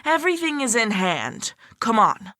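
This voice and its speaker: A woman's voice: fairly high pitch, sing-song, moderate pace, bright, forceful tone, no room sound, clean studio sound. A woman voicing a scheming female alien disguised as a teacher, bossy and commanding. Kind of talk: amateur audio drama.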